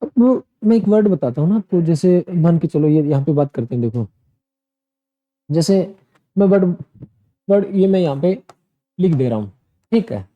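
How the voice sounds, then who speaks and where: A man's voice: a little high, lively intonation, moderate pace, long pauses, narrow, tinny audio. A man coaching students through an English exam, explaining things directly and repeating points as a teacher. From India. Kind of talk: classroom lesson explaining exam tasks.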